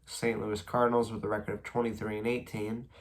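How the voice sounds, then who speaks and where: A young man with a fairly low voice recaps baseball standings quickly, sounding stuffy and congested, his voice a bit worn. Hosting a casual solo video, he reads the stats at a steady clip and drifts into rambling asides between them.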